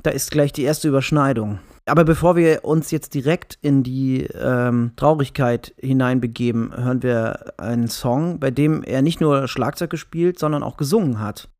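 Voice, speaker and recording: A man's voice: medium pitch, steady tone, normal speed, few pauses, a little mellow, no echo, studio quality. A man with speech talking casually as a guest on a podcast. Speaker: podcast guest, writer and musician.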